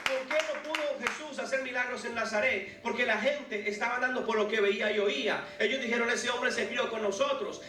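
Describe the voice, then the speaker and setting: A pastor's very high-pitched voice, pushed and bright, rings out as he fervently exhorts the congregation to believe. The setting is a large church hall; the audio is echoey, miked from a distance, with music underneath.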